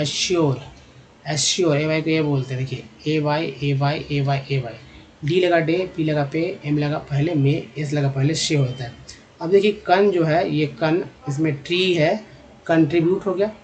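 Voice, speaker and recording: Male phonics teacher, slightly high voice, patient drilling of word parts. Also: a little mellow, highs cut off. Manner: repeats words slowly, addresses viewers as friends. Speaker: English teacher. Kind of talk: phonics lesson.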